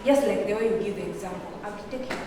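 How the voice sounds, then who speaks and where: A Tanzanian teenage girl who speaks Swahili delivers an earnest, argumentative debate speech packed with rhetorical questions, her mid-range voice warm and quick. As a student debater, she's recorded from far off in an echoey hall, with a little hiss or hum.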